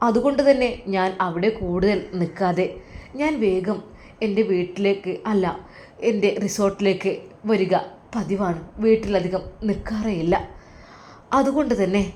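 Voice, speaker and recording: A devoted young man, as a woman storyteller voices him. He talks in an earnest, reassuring way to the old couple, with a quiet undercurrent of guilt. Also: mid-range voice, moderate pace, slight background noise, lightly acted. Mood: remorseful.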